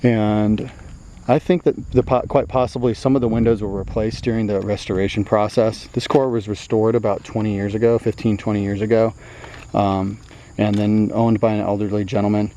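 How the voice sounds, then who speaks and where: A man's voice: fairly low pitch, level tone, normal speed. A man showing an old car and chatting about it casually, rambling with plenty of fillers. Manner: easygoing, rambling with many fillers. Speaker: classic car dealer. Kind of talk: casual walkaround commentary. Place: outdoors around an old car. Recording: loud outdoor noise.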